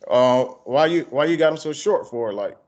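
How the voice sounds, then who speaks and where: A man's voice: mid-range voice, expressive, moderate pace, a little mellow. A man with a country Southern drawl from Georgia conducts a casual interview. His speech is loose and slangy, and the audio is dull and lo-fi. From Georgia, United States.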